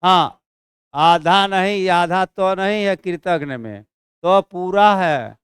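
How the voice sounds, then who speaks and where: A male teacher giving an exam-prep Hindi class online, dictating slowly, drawing out and repeating words and checking in with his students. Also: high voice, fairly bright tone, clear, resonant tone, dry recording, studio quality.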